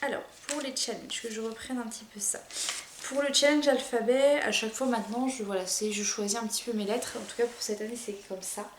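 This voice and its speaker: A French woman with a low, soft voice, chatting casually about her monthly reading list, hesitant, with many fillers and restarts. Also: steady tone, a little fast, roomy sound, slight background noise. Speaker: book vlogger.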